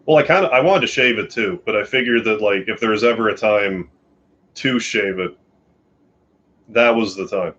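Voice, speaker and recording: A man's voice: on the low side, moderate pace, long pauses, fairly bright tone, highs cut off. A tired man from Canada chatting casually and rambling on a late-night live stream from his bedroom. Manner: sleepy, rambling, yawning. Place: home bedroom.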